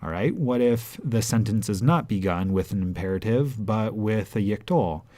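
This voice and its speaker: A man delivers a grammar lesson in a low, warm voice, taking his time over every point. The recording is dry and close, with no room sound. Now and then he slows further to chant a verse. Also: expressive, dry recording. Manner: patient, deliberate, chanting Hebrew verses slowly. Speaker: Hebrew grammar teacher. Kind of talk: explanatory lecture.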